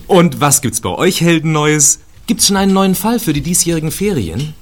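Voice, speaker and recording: An actor in a German audio drama playing a good-natured village constable with avuncular, teasing banter. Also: male voice, fairly high pitch, lively intonation, normal speed, lightly acted.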